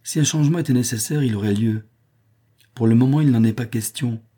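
A man's voice: mid-range voice, fairly quick, warm tone, breathy edge, close to an everyday voice. A man voicing a cold, aloof head maid who answers curtly in a read-aloud novel. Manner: cold, curt.

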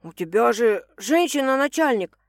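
A woman voicing a measured, cautious young woman with an ironic edge, in a dry recording. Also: fairly high pitch, animated, no room sound.

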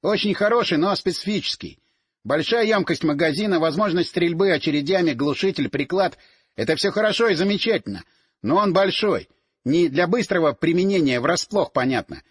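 A man's voice: on the high side, expressive, fairly quick, breathy edge. A man voicing a confident young man explaining matters in a self-assured way, in an audiobook. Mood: lecturing. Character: confident young man, lecturing about guns.

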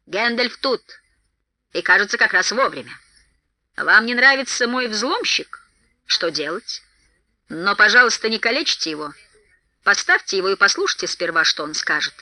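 A woman voicing an old male wizard who speaks in a measured, mildly ironic way. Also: mid-range voice, lively intonation, sharp tone, no echo. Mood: wry.

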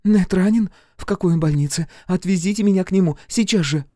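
A man voicing an emotional, quick-tempered young woman in a storybook reading, in a high, excitable and indignant voice. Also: no room sound, studio quality, natural voice. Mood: anxious, demanding.

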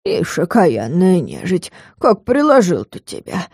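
A kindly old village grandmother fussing over a hurt girl, slow, soothing and folksy, as a woman narrator plays her. Her voice drops lower than the narrator's own and stays mellow and soft. The audiobook sound is dry and close. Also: wildly swooping pitch, vocal fry, husky, no echo, heavily acted. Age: older.

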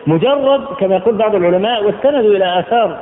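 A man's voice: sits high, lively intonation, racing. A man with an Egyptian Arabic accent preaching a sermon, telling stories and mixing classical Arabic with colloquial asides. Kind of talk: sermon storytelling. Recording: echoey hall, tinny phone-like sound, faint noise.

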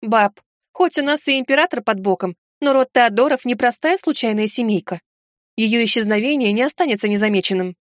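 A man's voice: very high voice, a little fast, fairly bright tone, dry recording, voice pushed up. A stern, sensible mother who lays out her case firmly, as a male narrator raises his voice well above his own. She is heard in a dry, close-miked audiobook reading. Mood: firm reasoning. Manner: firm, reasoning, lecturing. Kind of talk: audiobook character voice.

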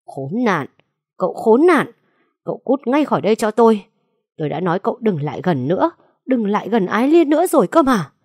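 A woman voicing an enraged older father who shouts curses in a told story. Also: sits low, animated, racing, gravelly, few pauses, husky, dry recording, clean studio sound, exaggerated voice. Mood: furious. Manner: furious yelling.

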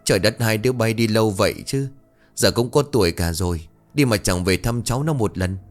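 A man's voice: on the low side, a little fast, faint music behind, natural voice. A man voicing an older village woman who chides two relatives for staying away. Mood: chiding. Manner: chiding.

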